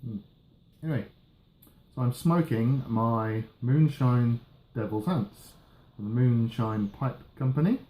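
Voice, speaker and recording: A man chatting casually through a tobacco review, musing and hesitant, pausing and trailing off between puffs on his pipe. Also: medium pitch, mellow. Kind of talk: casual video review chat. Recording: roomy, echoey sound.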